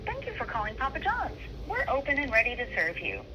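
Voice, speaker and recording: A woman's recorded phone message played over a phone line, a polite scripted menu announcement read at an even pace. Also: sits high, fairly quick. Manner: polite, evenly paced announcer delivery. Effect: recorded phone message heard over a phone line. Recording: noisy phone line with background hiss.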